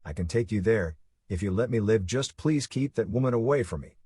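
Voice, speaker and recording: A man's voice: on the low side, animated, a little fast, dark tone, slightly rough. A man doing a frightened pleading pirate. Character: frightened young male pirate, pleading and eager.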